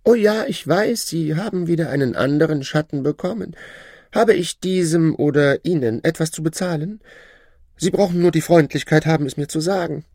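A man voicing a boastful shadow who has become a rich gentleman, speaking in a smug, showy, raised voice. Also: moderate pace, no echo, studio quality. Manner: smug and showy, high-pitched put-on voice.

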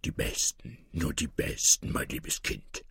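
A cunning storybook wolf, put on by a man, with a very deep, gravelly voice and slow, dragging words. He mocks in soft, dry-close whispers. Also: lively intonation, no room sound, exaggerated voice. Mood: sly. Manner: mocking, hushed whispers. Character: sly cunning big bad wolf, male. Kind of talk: fairy-tale reading.

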